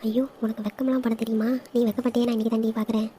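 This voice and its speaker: A woman's voice: a little high, level tone, racing, dark tone, slight background noise, lightly acted. A woman voicing the young women and mother of a family in a cartoon drama, affectionate and teasing.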